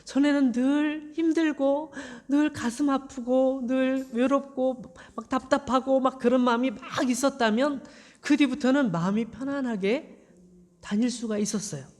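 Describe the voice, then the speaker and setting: A woman pastor telling a Bible story in simple, gentle language during a sermon, with emphatic repetition. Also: high-pitched, moderate pace, in a large hall. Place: church.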